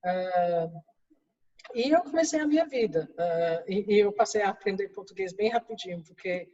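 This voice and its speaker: At a normal speed and with lively intonation, a middle-aged Englishwoman with an English accent speaks in a dark, medium-pitched voice. She is a guest executive answering interview questions in a second language, restarting frequently and using lots of fillers, in a distant, roomy, dull-sounding recording.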